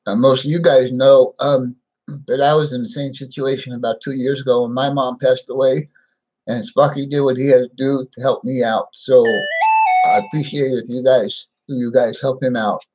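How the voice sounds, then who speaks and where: A man speaking without his teeth in a halting, plain-spoken way, repeating himself as he chats casually on a live stream. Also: mid-range voice, level tone, darkish tone, poor audio. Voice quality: toothless, slightly slurred speech without dentures. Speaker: livestream host.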